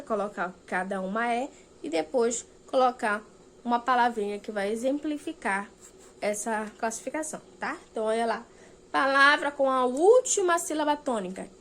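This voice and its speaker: In a recorded video lesson for fourth graders, a young adult primary school teacher with a Brazilian Portuguese accent patiently explains the material, slowly repeating and stretching out key words and checking in with "tá?". Her voice is a little high, with slight background noise.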